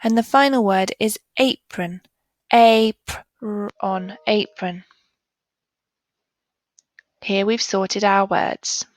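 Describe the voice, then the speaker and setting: A woman teaching a phonics lesson to young children, sounding out letters and words slowly and clearly. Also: mid-range voice, no echo, poor audio. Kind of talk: primary school phonics lesson.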